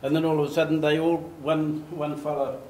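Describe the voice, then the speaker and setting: An older man from Australia with a fairly high-pitched voice speaks briskly while giving an animated storytelling slide talk from a lectern in a meeting room, gesturing and voicing the people he quotes. A far camera records the echoey room, with faint ambience and a little hiss or hum.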